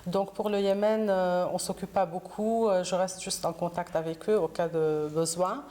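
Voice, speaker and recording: Hesitant middle-aged woman, lowish voice. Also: steady tone, moderate pace, mellow. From Lebanon. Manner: hesitant, many fillers and restarts. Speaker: interview guest, consular councillor. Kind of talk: hesitant conversational interview.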